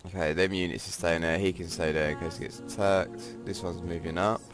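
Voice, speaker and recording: Stuffy-nosed deep man. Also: fairly quick. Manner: relaxed, thinking aloud while planning moves. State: congested, stuffy nose. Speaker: gameplay commentator. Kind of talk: casual strategy game commentary. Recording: game music playing behind.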